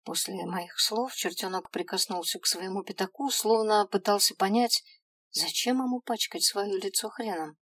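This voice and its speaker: A woman giving a lively, expressive first-person storybook narration. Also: mid-range voice, moderate pace. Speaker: audiobook narrator.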